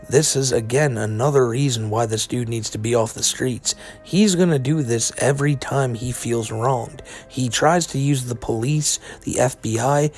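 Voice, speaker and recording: A man's voice: medium pitch, a little mellow. A man giving casual, incredulous commentary on internet drama, with a sardonic, informal way of talking and some casual swearing. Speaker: commentary video narrator.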